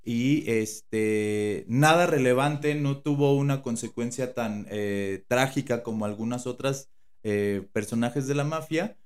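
A man with a Mexican Spanish accent chatting casually as a podcast co-host. He rambles and restarts often and fills his talk with slang. His voice sits at a middle pitch. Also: slow pace. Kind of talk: casual chat.

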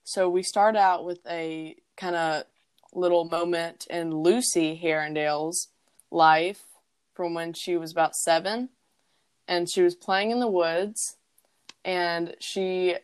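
Smooth-voiced chatty young woman podcaster. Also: on the low side, fairly even intonation, slow pace, dry recording. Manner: chatty, rambling, with frequent fillers. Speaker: podcast co-host. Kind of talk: casual book discussion.

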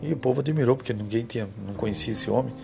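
A man's voice: medium pitch, very fast, vocal fry, over music. A man preaching a sermon, telling a story and then exhorting women directly.

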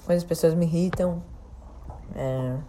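A woman's voice: fairly low pitch, unhurried, dark tone, a little hiss or hum. A young girl giving short, blunt answers to questions. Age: child. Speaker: interviewee. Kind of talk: casual chat.

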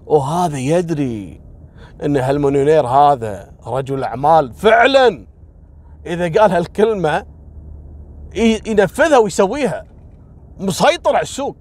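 A man's voice: animated, normal speed, pauses often, darkish tone. Man telling a story. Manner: acts out quoted characters with raised pitch. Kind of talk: casual spoken storytelling.

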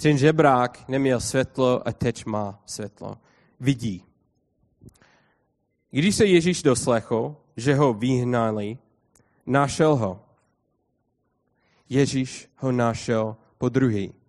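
A man's voice: medium pitch, pauses often, a little mellow. A man preaching a sermon, reading scripture aloud and explaining it to his congregation. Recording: long hall reverb.

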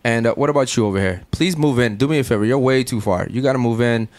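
Brash podcast host guy, curses a lot, talks fast and loose, dry close sound. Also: mid-range voice, a little mellow, no room sound. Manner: brash, profane, rapid-fire. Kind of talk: casual podcast chat. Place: Miami studio.

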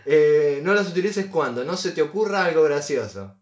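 A man's voice: fairly high pitch, lively intonation, normal speed, echoey room, lo-fi sound. A man co-hosting a casual comedic podcast, reading advice aloud with dry asides and chuckles. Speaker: podcast co-host.

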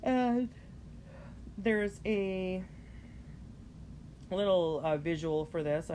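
A woman's voice: fairly low pitch, a little mellow, a little hiss or hum. A woman hosting a late-night solo podcast, tired and yawning, rambling in a chatty, self-deprecating way. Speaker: podcast host. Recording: home recording, phone held up for clip.

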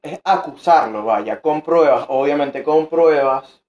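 A man's voice: on the high side, unhurried, a little mellow. A young man, co-hosting a casual podcast chat, joking and rambling with lots of fillers. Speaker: podcast co-host. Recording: dull lo-fi sound.

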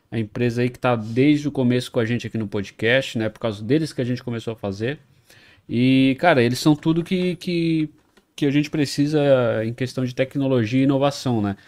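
A man's voice: medium pitch, fairly quick, a little mellow. A man co-hosting a podcast, reading sponsor spots in a conversational way with tag questions. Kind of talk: sponsor read in casual chat.

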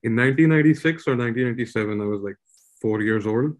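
A man in his thirties from Pakistan, a rapper calmly telling his story on a podcast, English not his first language. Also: medium pitch, rapid-fire. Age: 30s. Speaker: rapper guest. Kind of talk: casual podcast chat.

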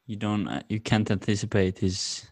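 Low-voiced male host, halting speech. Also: darkish tone, no room sound. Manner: halting, searching for words, many fillers. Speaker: podcast host. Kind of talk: conversational podcast interview.

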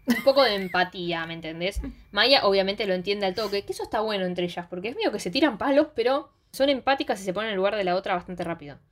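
A young woman with a Rioplatense Spanish accent, recapping a series in casual chat with quick, slangy storytelling. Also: medium pitch, expressive. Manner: fast slangy storytelling, acts out characters' lines.

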